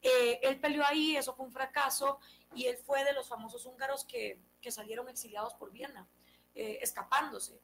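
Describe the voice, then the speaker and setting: A woman in her thirties from Guatemala with a Guatemalan Spanish accent, a guest in an interview, telling her family story in a lively way and acting out the dialogue. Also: high-pitched, normal speed, slight background noise, poor audio. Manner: animated storyteller, acts out quoted dialogue. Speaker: guest, political scientist. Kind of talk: conversational interview.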